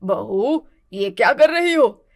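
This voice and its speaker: A woman's voice: on the high side, lively intonation, slow, vocal fry, voice pushed down, heavily acted. A woman voicing a strict, domineering older mother-in-law in a cartoon, with a commanding, scolding manner. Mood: stern. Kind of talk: cartoon voice acting.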